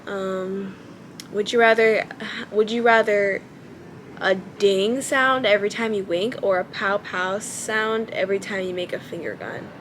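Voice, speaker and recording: Here a young woman vlogs from home, chatting informally to the camera in a childlike, baby-ish voice of medium pitch. She's relaxed but hesitant, musing aloud with frequent ums, and there's slight background noise.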